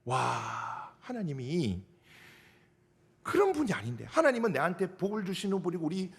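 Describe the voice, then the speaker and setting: A male pastor, giving a youth sermon in an animated way and acting out what people say. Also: moderate pace, vocal fry, slightly rough, in a large hall. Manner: animated, acts out quotes with big pitch swings.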